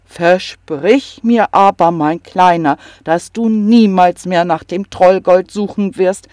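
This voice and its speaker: A storyteller voicing a gentle old goblin grandfather who speaks slowly and earnestly. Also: medium pitch, no room sound, studio quality, lightly acted.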